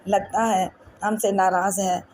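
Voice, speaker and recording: A woman's voice: mid-range voice, level tone, darkish tone, close to an everyday voice. A weary but affectionate young husband from a read-aloud romance novel, voiced by a woman narrator. The delivery is playful yet level, with faint noise behind. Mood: teasing. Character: tired young husband, a doctor, teasing and fond.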